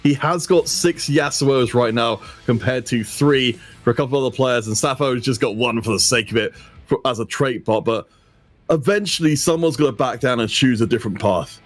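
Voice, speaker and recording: A man doing live esports commentary, lively, acting out players' thoughts in quoted asides. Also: mid-range voice, moderate pace, soft background music. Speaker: esports caster.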